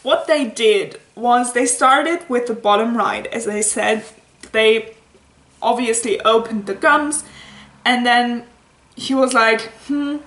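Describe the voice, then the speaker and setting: In a roomy, echoing space, a woman with a fairly high voice talks as a casual vlogger. She tells her story at an unhurried pace, candidly and with some self-mockery, slipping into quoted dialogue as she goes. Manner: animated retelling, acting out quoted dialogue. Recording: roomy echo.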